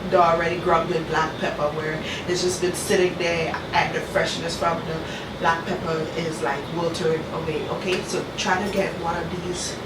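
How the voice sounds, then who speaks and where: In her home kitchen, a cooking channel host films a casual vlog while stuffed up with a cold, her speech nasal. She often checks in with "you guys" and "okay," sounding lowish and flat at a normal speed, captured from afar with echo and a clear hum of room noise.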